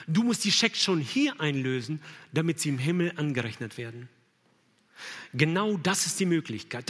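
Male pastor, emphatic sermon delivery, slightly high voice, long reverb. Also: bright, forceful tone. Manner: earnest, emphatic preaching with rhetorical questions. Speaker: preacher.

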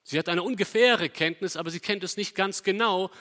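Emphatic male preacher in an echoing hall. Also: fairly quick. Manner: emphatic, with rhetorical questions to the congregation; swings between loud emphasis and low, quiet stretches. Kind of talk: sermon.

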